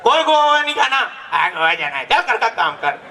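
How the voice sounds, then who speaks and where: A man acting a strict old-fashioned father in a stage skit, scolding and shouting orders. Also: on the high side, animated, a little fast, loud music behind the voice. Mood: grumbling.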